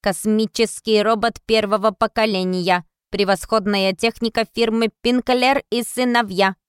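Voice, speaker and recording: A woman voicing a small rusty toy space robot in a storybook, speaking in slow, clipped, mechanical words. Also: mid-range voice, fairly even intonation, smooth, dry recording, clean studio sound, voice pushed up, lightly acted. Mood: robotic. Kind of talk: storybook reading.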